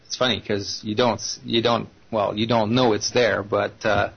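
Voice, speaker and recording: A man's voice: on the low side, little pitch movement, normal speed, creaky, slightly rough. A man chatting on a group call about his acting work, rambling with lots of fillers and restarts. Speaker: voice actor guest. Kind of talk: casual group call chat. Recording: dull lo-fi call audio.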